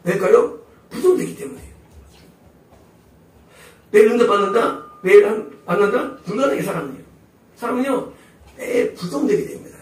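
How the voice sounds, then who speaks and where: A man's voice: high voice, lively intonation, moderate pace, long pauses. A male pastor preaching a sermon emphatically, constantly asking the congregation rhetorical questions. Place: church sanctuary. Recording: echoey hall, voice from far off.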